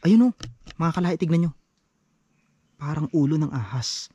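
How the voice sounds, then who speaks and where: A man vlogging as he explores an abandoned forest site outdoors, talking in tense, hushed phrases. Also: fairly high pitch, animated, normal speed, husky, no room sound. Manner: tense, wary, talks in short hushed phrases. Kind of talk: hushed exploration vlog narration.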